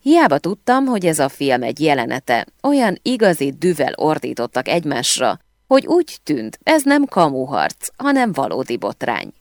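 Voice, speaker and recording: A woman narrating a first-person novel aloud in an expressive storytelling manner. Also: low voice, dry recording, studio quality. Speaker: audiobook narrator.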